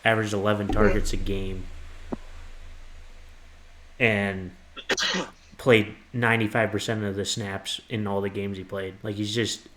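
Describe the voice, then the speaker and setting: A man co-hosting a casual sports podcast, relaxed and agreeable, reeling off player stats. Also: fairly low pitch, unhurried, pauses often, noisy background. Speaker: podcast co-host.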